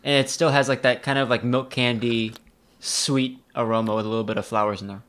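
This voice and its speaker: A man tasting tea in a casual chat, relaxed and joking, with frequent "like" and "um" fillers. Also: medium pitch, a little fast. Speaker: tea enthusiast guest.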